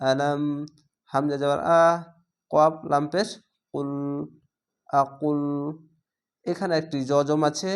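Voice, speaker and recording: Guy teaching quran reading real slow, spells every syllable out, clean smooth voice a bit high. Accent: Bangladeshi Bengali. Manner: spells syllables letter by letter, drawls long vowels. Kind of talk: slow spelled-out recitation lesson.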